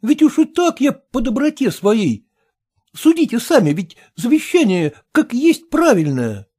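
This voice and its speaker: Lady voicing a sighing meek guy, reluctant, kinda high. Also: big pitch swings, unhurried, husky, heavily acted. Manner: sighing, soft-spoken. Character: meek, sighing male heir, wheedling.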